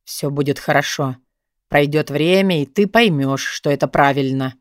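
A brooding, dominant man, as a woman narrator puts him on, lowering her voice into a calm, weary, measured register. Each line sounds firm and tired. The recording is close and dry, with no room around it. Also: dry recording, natural voice.

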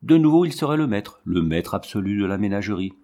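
A man narrates a novel in a low, measured voice with expressive phrasing. The reading is steady and scripted. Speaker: audiobook reader.

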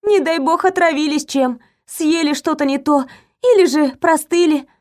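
Woman doing a chirpy high-voiced young maid. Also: darkish tone, natural voice. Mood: fussy alarm. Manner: rapid chattering. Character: chirpy young female maid, fussy and kind.

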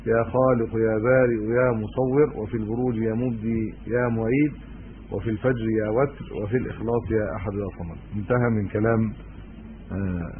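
A man teaching a religious lesson, steadily reciting long lists and adding scholarly asides with small self-corrections. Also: medium pitch. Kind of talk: religious lecture, reading lists. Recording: tinny lo-fi phone-like recording with faint noise.

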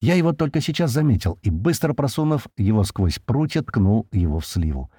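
A man's voice: mid-range voice, big pitch swings, a little fast, mellow, husky, dry recording, studio quality. A man narrating a first-person audiobook in a colloquial, slangy way.

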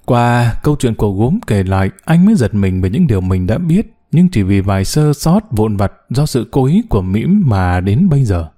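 A man narrating a novel as an audiobook, with expressive storytelling. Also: lowish voice, normal speed, hardly any pauses.

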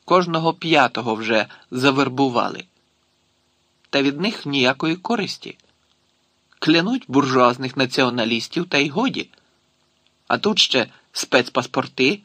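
A man's voice: medium pitch, animated, a little slow, pauses often, bright, forceful tone, dry recording. A man voicing a wry, talkative Soviet security officer who explains things to his superior. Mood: serious. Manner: chatty, amused explaining.

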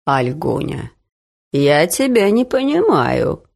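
A woman reading aloud, voicing a suspicious, grumbling older uncle in a lowered, slow voice. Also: very animated, gravelly, darkish tone, exaggerated voice. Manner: low, slow, distrustful grumbling.

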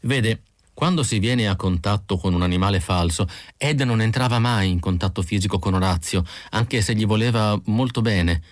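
A man's voice: fairly low pitch, normal speed, no room sound, clean studio sound, close to an everyday voice. A man voicing a grieving middle-aged housewife, tearful and pleading, in an audiobook reading. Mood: anxious. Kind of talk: audiobook character voice.

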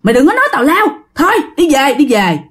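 A shrill, nagging village woman, put on by a female storyteller, shouting orders with a lilt. Her voice jumps well above a normal speaking pitch and swings widely, loud and insistent. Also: sing-song, a little fast. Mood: scolding.

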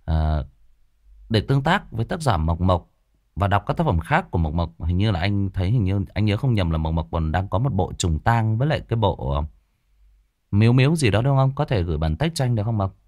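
A man opens his storytelling stream, chatting casually with many fillers. His voice is deep and lively in pitch, and the sound is dry and close. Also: a little fast, no echo. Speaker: storyteller host. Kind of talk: casual livestream intro.

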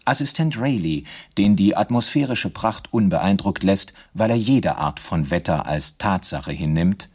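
A man narrating a radio drama in a measured, gently ironic way. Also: sits low, lively intonation, husky.

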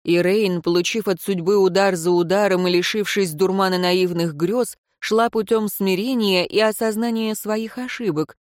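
An audiobook narrator reading fantasy prose in an even, measured way. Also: medium pitch, no room sound, studio quality.

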